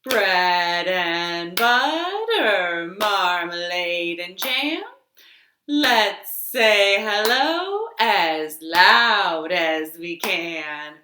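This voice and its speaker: Speaking very slowly in a lowish, animated voice with a sharp tone, a woman runs a children's storytime from her living room. She sing-songs, lengthens repeated words, and gives gentle, encouraging instructions; the room echoes and there's slight background noise.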